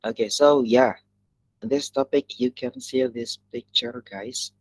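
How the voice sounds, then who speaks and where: A man with an Indonesian accent teaching an English lesson in an online class, talking in halting phrases that he often restarts. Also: medium pitch, no echo, rough recording.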